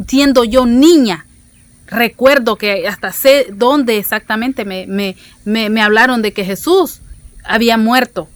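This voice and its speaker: A woman's voice: fairly high pitch, a bit bright, no echo. Earnest woman teaching the faith. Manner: earnest, repeats words and restarts often. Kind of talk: religious teaching talk.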